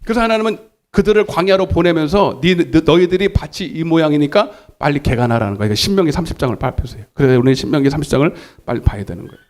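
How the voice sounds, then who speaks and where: A man's voice: expressive, fast, darkish tone. A man pastor preaching a sermon in a church, emphatic, calling out for the congregation's responses. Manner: emphatic, swings pitch up and down. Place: church sanctuary.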